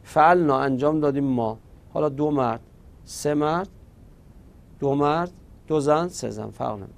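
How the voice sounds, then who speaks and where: Male grammar teacher, gravelly voice, patient and repetitive, recorded lesson. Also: a little high. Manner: patient, repetitive drilling of verb forms.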